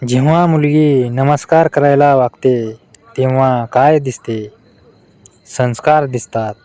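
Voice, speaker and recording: A man reading out a string of short adult jokes in a flat delivery. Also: mid-range voice, measured pace, background noise. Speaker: joke narrator.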